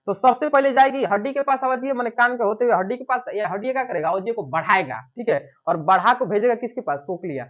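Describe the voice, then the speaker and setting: A man's voice: high-pitched, a bit bright, lo-fi sound. A man teaching a coaching class in with a tinge. He poses questions to his students, answers them himself, and keeps checking with "okay". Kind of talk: classroom lecture.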